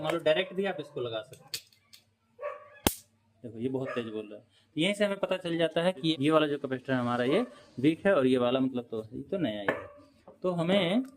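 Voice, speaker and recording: A man with a slightly high voice teaches fan and motor repair. He explains patiently and repeats key points, stopping often to check that the viewer follows. He works with tools while he talks. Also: background noise. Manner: demonstrating with tools while talking. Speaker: electrician instructor. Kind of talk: hands-on repair tutorial.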